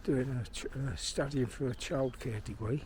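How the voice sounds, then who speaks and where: A middle-aged filmmaker and vlogger with a London accent walks through a park, bluntly swearing and rambling in a casual monologue to himself. He has a mid-range, darkish voice at a moderate pace, with birdsong and outdoor background noise around him.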